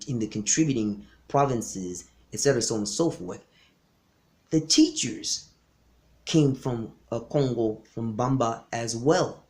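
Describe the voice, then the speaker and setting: A man's voice: medium pitch, a little mellow. A man gives a history lecture straight to the camera in a mid-range voice. He talks emphatically and insistently, and he often doubles back on his words. He sounds like an instructor correcting his students. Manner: emphatic, insistent, frequent restarts. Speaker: martial arts instructor.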